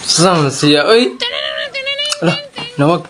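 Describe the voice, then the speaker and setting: A man's voice: fairly high pitch, slow, noisy background. Teasing man in a comic skit. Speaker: comedy sketch performer.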